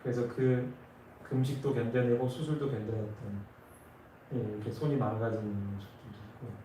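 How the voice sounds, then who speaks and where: A man's voice: mid-range voice, fairly even intonation, moderate pace, warm tone, a little hiss or hum. A man preaching a sermon, telling a story earnestly and rising with emotion at key moments. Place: church sanctuary. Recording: echoey church from far off.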